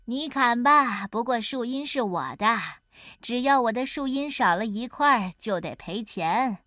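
A woman voicing a clever, sly folk-hero man in a children's storybook reading, calm and teasing. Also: a little high, no room sound, clean studio sound. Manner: calm, teasing, deliberately slow. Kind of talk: storybook character voice.

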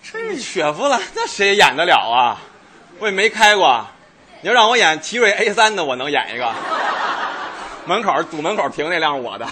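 A man performing Chinese crosstalk comedy on stage, clowning and breaking into loud acted bits. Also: high-pitched, wildly swooping pitch, moderate pace, a little hiss or hum. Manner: clowning, bursts into loud put-on shouting bits. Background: audience laughter.

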